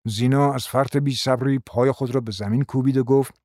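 A man's voice: mid-range voice, steady tone, a little mellow, no room sound. Man narrating a radio drama, dry sound. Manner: measured, literary narration. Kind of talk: scripted narration.

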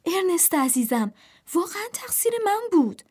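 Woman doing a soothing high mother crow. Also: very animated, darkish tone. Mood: anxious. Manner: soothing, pleading.

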